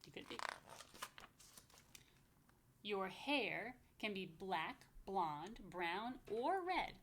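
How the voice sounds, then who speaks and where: An American woman who is a rabbi hosts story time for young children, reading a picture book aloud with chatty asides. Her lively, animated pitch and drawn-out words are expressive as she asks listeners playful questions. There's a little hiss or hum.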